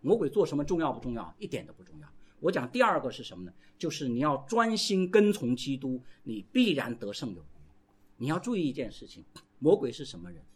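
A male pastor preaching a sermon, animated and calling out to the congregation for responses. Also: medium pitch, fast talker, breathy edge.

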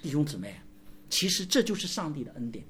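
A male pastor delivers a sermon in a fairly high voice that swings widely in pitch. He works his listeners in a call-and-response rhythm, throwing out rhetorical questions and prompting replies. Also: sing-song, a little fast, fairly bright tone, a little hiss or hum.

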